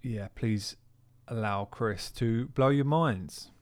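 A man's voice: medium pitch, slow pace. A man hosting a podcast, introducing the guest in a chatty, informal way. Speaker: podcast host. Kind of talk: casual podcast intro and interview.

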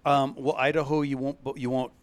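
A man hosting a hunting podcast in a relaxed, casual chat, with many fillers and restarts. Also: mid-range voice, fairly quick.

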